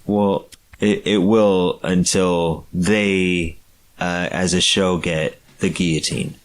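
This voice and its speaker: A man co-hosting a podcast, chatting in a relaxed, agreeable way about a TV pilot. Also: sits low, takes it slowly. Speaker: podcast co-host. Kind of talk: casual review chat.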